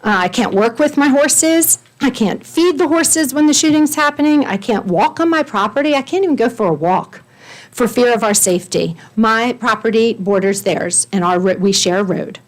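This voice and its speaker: A woman's voice: a little high, moderate pace. A woman reading her own prepared statement at a county board meeting, earnest and pleading, stressing her points in lists. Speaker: resident speaking at public comment.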